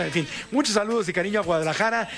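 Fast-talking Mexican radio host. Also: male voice, high-pitched, a bit bright, faint music behind. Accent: Mexican Spanish. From Tijuana, Mexico. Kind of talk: radio news chat.

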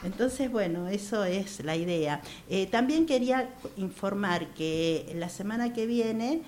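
A woman in her sixties with an Argentine accent, speaking earnestly as a radio interview guest, repeating phrases and pausing to hesitate. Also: medium pitch, expressive, darkish tone, slight background noise. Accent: Argentine Spanish. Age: 60s. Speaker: guest, activist for older women.

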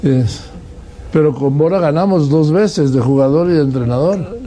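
Older Mexican man, dark mellow voice. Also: fairly high pitch, normal speed. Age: 70s. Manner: affirming, recounts dates and history. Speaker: interviewer. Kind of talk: conversational interview.

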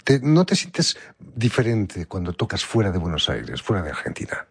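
A man's voice: low-pitched, huge pitch swings, moderate pace, breathy edge. A man hosting a radio interview, asking questions in a playful, teasing way. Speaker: radio host.

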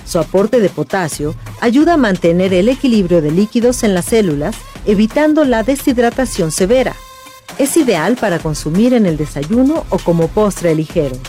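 A woman narrating short scripted fact segments over a clear music bed. Her delivery is smooth and well paced, with a lively, varied pitch. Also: moderate pace.

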